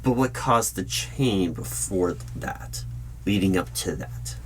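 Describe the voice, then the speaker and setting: Here a man with a low, expressive voice takes on the role of a hiring manager for an ASMR interview roleplay, spoken aloud. Politely probing, he talks in measured phrases broken by deliberate pauses, while a computer keyboard clacks in the noisy background.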